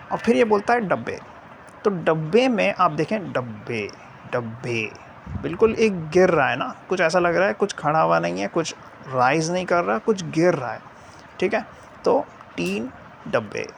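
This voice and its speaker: Gravelly man explaining a lesson. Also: a little high, a little hiss or hum. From Pakistan. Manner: explanatory, repeats "theek hai" after nearly every phrase. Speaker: English teacher. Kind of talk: video lesson, mixing Urdu and English.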